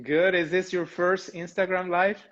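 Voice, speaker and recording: Enthusiastic host. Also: male voice, high-pitched, flat delivery, unhurried, a bit bright. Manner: enthusiastic, effusive, slightly non-native grammar. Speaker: host, education consultant. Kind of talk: live stream interview. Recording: dull lo-fi live-stream audio.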